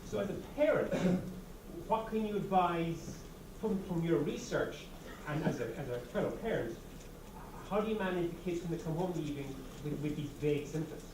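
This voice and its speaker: A man asking a hesitant question from the audience, searching for his words. He sounds far off in an echoey hall with clear background noise, and his voice sits somewhat high. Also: expressive, fairly quick. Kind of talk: question from the floor. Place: conference hall.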